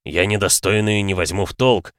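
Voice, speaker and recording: Haughty clawed creature, read by a man: pompous, low, dry. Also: steady tone, moderate pace, a bit bright, clear, resonant tone, dry recording.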